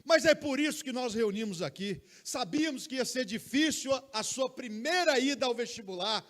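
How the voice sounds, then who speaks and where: A man doing a loud, cheerful encouraging father. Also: high-pitched, fast talker. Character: cheerful proud father encouraging his son.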